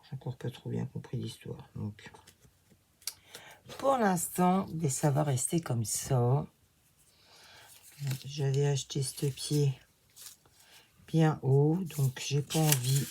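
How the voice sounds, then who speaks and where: A craft vlogger films herself, chatting casually and rambling to herself as she works. Her voice rumbles low with a dark tone, slow pace and long pauses, and a slight lisp makes her s sounds slushy, while a little hiss or hum sits in the recording.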